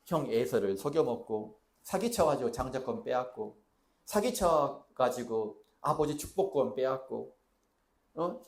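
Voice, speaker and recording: Animated preaching man. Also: mid-range voice. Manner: lively preaching, shouting out emphatic lines and questioning the congregation. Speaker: pastor. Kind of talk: sermon. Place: church sanctuary.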